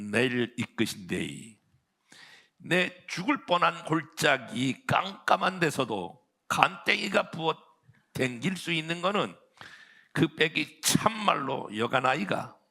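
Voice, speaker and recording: A pastor doing a Gyeongsang dialect voice, reciting scripture in an earthy, emphatic folksy manner. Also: male voice, fairly high pitch, creaky, bright, forceful tone, voice pushed up, exaggerated voice. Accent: Gyeongsang dialect, put on.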